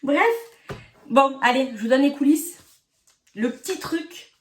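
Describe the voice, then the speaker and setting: A woman's voice: high-pitched, a little slow, reverberant, far from the mic. A young adult woman vlogging casually at home, joking and teasing the viewers as she shows a painting craft. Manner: playful, joking, self-mocking. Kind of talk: casual chatty vlog. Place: home bathroom workspace.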